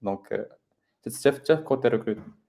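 A man's voice: medium pitch, rapid-fire, vocal fry, dark tone. A man with a Moroccan accent explaining casually in a discussion, dropping in borrowed terms. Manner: explanatory, mixing in French terms.

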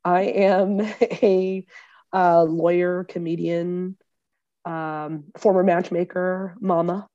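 A woman from Egypt, a lawyer and comedian, chatting as a podcast guest, animated and joking with lots of fillers. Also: on the low side, slow pace, no echo, muffled recording. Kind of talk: casual conversational interview.

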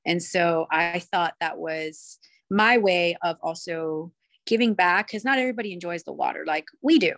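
A woman's voice: on the low side, moderate pace, a bit bright. Young woman from cuba chatting on a podcast, bubbly, rambly, lots of fillers. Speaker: podcast guest. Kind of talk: casual chat.

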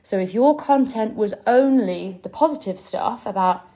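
A young adult woman, a business coach and podcast host, gives a casual teaching monologue, talking in a chatty, direct manner with mild swearing. Her voice has medium pitch and a dark tone, at a moderate pace.

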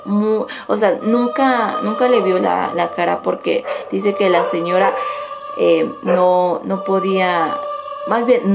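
A woman's voice: lowish voice, vocal fry. A young woman, telling a personal paranormal story in a casual, rambling way full of restarts and asides. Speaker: caller sharing a paranormal story.

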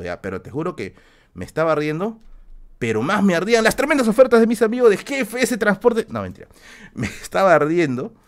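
A young podcast host with a Peruvian Spanish accent and a medium-pitched voice tells a story in relaxed, slangy podcast talk. He acts out the voices of the people he quotes.

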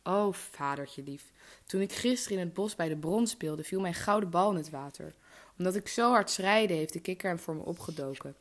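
A woman's voice: lowish voice, normal speed, natural voice. A woman voicing a spoiled young princess in a fairy tale, with eager, breathless pleading. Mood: anxious.

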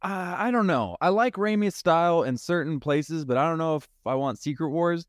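A man's voice: fairly high pitch, lively intonation, moderate pace, no echo, studio quality. A man on a casual podcast who laughs often and gives hesitant opinions. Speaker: podcast guest.

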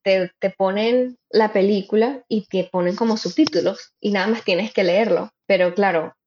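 A Miami-raised Venezuelan woman tells stories in Spanish with an American-tinged accent, animated and full of laughter. She drops English words into her sentences, and the recording sounds a little muffled. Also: mid-range voice, normal speed, slight background noise. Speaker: voice actress interviewed as guest. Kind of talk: lively anecdotal storytelling.

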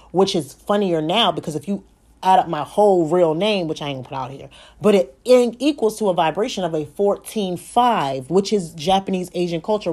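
A woman hosting a solo podcast from home, talking fast and rambling, swearing often and correcting herself as she goes. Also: on the low side, a little mellow. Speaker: podcast host. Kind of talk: solo spiritual podcast monologue. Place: home at night, child asleep nearby.

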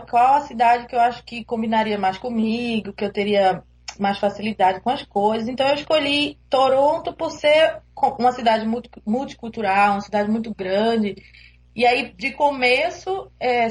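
A young Brazilian woman with a Pernambuco accent talks casually as an interview guest on a remote call. Her voice sits a little high, and she hesitates often and laughs easily as she speaks. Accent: Pernambuco Brazilian Portuguese. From Brazil, Recife.

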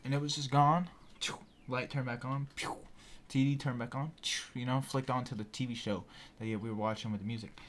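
A man's voice: mid-range voice, moderate pace, a little hiss or hum. A young man, a podcast guest, telling a story in casual chat, swearing freely and acting out the people in it. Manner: animated, profane, acts out voices in his story.

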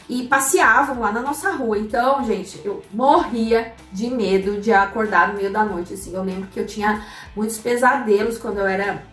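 A woman's voice: on the high side, distant mic. A woman telling personal stories to her listeners in a casual, chatty way, often speaking to them directly and using plenty of fillers. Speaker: storyteller sharing personal finance lessons. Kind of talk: casual personal storytelling to an audience. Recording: roomy echo, set back from mic, soft music.

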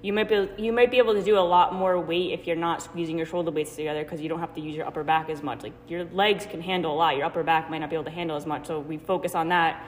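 A woman's voice: fairly even intonation, quick pace, hardly any pauses. A woman fitness coach hosting a casual podcast recorded in a gym. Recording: echoing gym, long reverb, faint rumbling noise.

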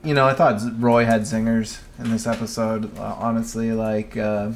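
A young man co-hosting a podcast in casual chat, thoughtful and earnest, often restarting and letting phrases trail off softly. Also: lowish voice, flat delivery, normal speed. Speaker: podcast co-host.

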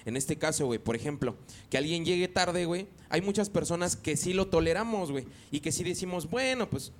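Brief: man from northern Mexico, podcast host, loud crude banter, slightly high voice, faint room noise. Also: animated, fairly quick. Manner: crude slang-heavy, says güey constantly; talks loud by habit. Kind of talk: casual chat.

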